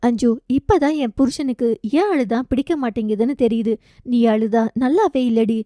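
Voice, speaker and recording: A woman's voice: fairly high pitch, normal speed, dark tone, no room sound, studio quality, natural voice. A woman doing a fondly teasing aunt. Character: teasing, affectionate middle-aged aunt.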